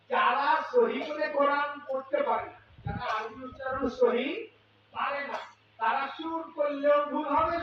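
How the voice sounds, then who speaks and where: A male preacher with a Bangladeshi Bengali accent giving a fiery sermon. He shouts rhetorical questions at the crowd and chants Arabic prayers melodically. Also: very high-pitched, noisy background. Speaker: Islamic preacher. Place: religious gathering. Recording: echoey distant hall, lo-fi and dull.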